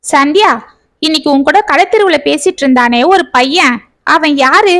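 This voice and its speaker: A woman voicing a meddling older female relative who insinuates and stirs trouble in a drawn-out way. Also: high voice, lively intonation, fairly bright tone. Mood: insinuating.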